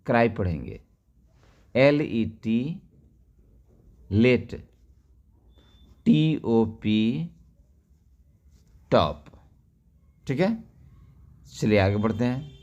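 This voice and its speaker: Guy teaching english reading real slow, spells words out letter by letter, lowish voice, kinda muffled lo-fi sound. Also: big pitch swings, a little mellow. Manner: spells words letter by letter, then reads them; asks the listener questions, then answers them. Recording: dull lo-fi recording.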